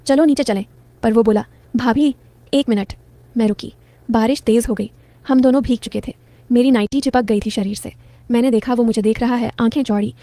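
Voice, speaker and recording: A woman narrating a first-person romantic story in a soft, intimate, teasing manner. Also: fairly high pitch, no room sound.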